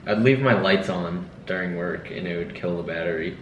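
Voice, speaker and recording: A twenty-year-old man co-hosting a casual chat at home, giving brief, easygoing, halting replies. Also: sits low. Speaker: co-host. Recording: echoey room, dull sound with background noise.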